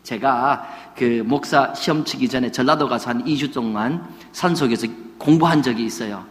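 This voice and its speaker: A man from the Gyeongsang region preaching a sermon as senior pastor, animated and playful, slipping into regional dialects for humor. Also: medium pitch, moderate pace, big-room sound. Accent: Gyeongsang Korean. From Gyeongsang region, Korea.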